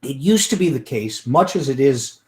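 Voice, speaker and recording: A man's voice: mid-range voice, animated. A man giving an online talk and then answering audience questions from the chat, with frequent fillers and restarts. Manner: halting, many fillers and restarts. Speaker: webinar presenter. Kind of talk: lecture with audience Q&A.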